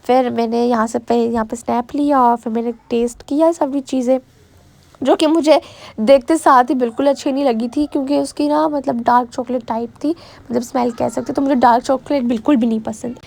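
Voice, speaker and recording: A woman's voice: sits high, fairly even intonation, brisk, creaky, a little mellow. A young woman, narrating her vlog in a chatty, self-mocking way that often restarts mid-sentence. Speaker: vlogger. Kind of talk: casual voice-over vlog narration.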